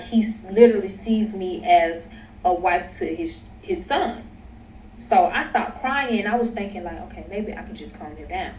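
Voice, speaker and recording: A woman's voice: medium pitch, darkish tone, roomy sound, recorded from a distance, slight background noise, rough recording. A woman telling a dramatic story to viewers, profane and chatty. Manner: dramatic, profane, addresses "y'all". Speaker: storyteller in a clip.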